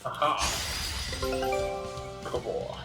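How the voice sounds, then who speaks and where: Over loud music, a gaming streamer speaks slowly as he plays, offering informal Let's Play commentary and thinking out loud. At times he reads the game's text aloud.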